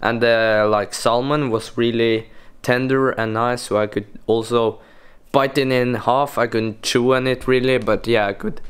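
A young man, a Norwegian native speaker, vlogging casually into a handheld action camera with a relaxed, filler-heavy way of talking. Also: medium pitch, clean tone. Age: young adult. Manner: relaxed, slow, many fillers. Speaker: motocross rider vlogger. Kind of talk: casual vlog narration. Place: home, car and gym.

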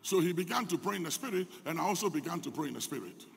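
A Ghanaian man preaching a fervent sermon as pastor, his delivery swelling into shouts, in an echoey church hall. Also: fairly high pitch, animated, racing, vocal fry, slight background noise.

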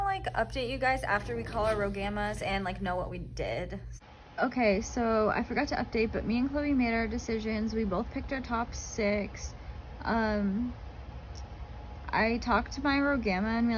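This is a teenage college freshman's casual vlog, shot indoors in small dorm rooms on a phone held out at arm's length, with noisy sound. She uses a slightly high voice at an ordinary pace. Her chatter is colloquial and sorority-girl flavored, peppered with "like."

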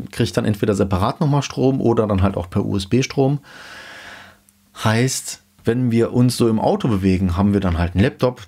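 A man in his thirties explaining gear in a casual home-studio vlog, relaxed with many fillers, into a dynamic studio mic. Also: on the low side. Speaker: YouTube host explaining car audio gear. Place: small home studio room indoors. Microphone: dynamic studio mic in front of him.

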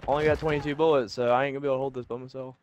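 A man's voice: medium pitch, fairly even intonation, rapid-fire, a little hiss or hum. A man griping bluntly and swearing while making casual callouts to his gaming team. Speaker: gamer on a team. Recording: game voice chat with clear gunfire. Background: gunfire and game sounds.

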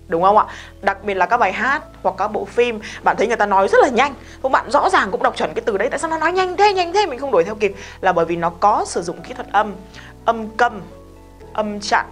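A woman's voice: mid-range voice, fairly bright tone. A woman teaching English pronunciation in a casual video lesson, explaining patiently and asking rhetorical questions. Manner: explains patiently, repeats example words slowly, asks rhetorical questions.

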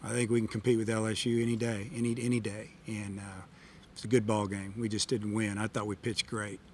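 A man's voice: on the low side, little pitch movement, brisk, a little mellow, a little hiss or hum. A middle-aged man, a baseball coach, answering reporters after a game in a plain, matter-of-fact way with many fillers, into a table microphone in a press room. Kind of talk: postgame press conference answers. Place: press room in front of a sponsor backdrop. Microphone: table mic in front of him.

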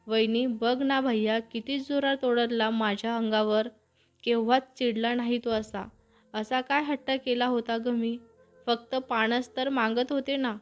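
A woman's voice: fairly high pitch, flat delivery, measured pace, natural voice. A woman voicing a pampered young girl in a storybook reading, talking in a pleading, sulky way. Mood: tearful. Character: pampered young girl, little sister, tearful.

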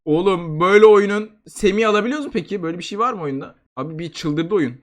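A young man giving excitable gameplay commentary as a gaming YouTuber, shouting and groaning at the game. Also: high-pitched, fast.

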